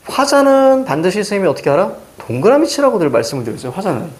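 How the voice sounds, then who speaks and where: A middle-aged man teaching Korean literature for exams, lecturing in a lively way and firing quick questions at his students. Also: high-pitched. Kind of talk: exam-prep lecture.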